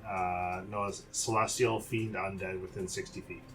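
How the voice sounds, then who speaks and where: A man's voice: deep voice, level tone, measured pace, background noise. A man talking casually as a player in a tabletop game. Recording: distant mic with music behind.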